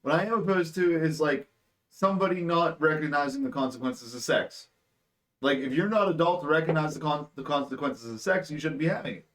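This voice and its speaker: A man's voice: on the high side, brisk. A man in his late twenties co-hosting a podcast, chatting casually and rambling with lots of fillers and swearing. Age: 20s. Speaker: podcast co-host. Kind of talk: casual chat.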